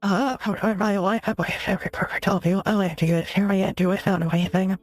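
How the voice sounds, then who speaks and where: A woman's voice: medium pitch, steady tone, brisk, voice pushed down. Streamer woman on a voice changer filter, rambling, kinda garbled, music faint behind. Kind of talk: casual live-stream chat.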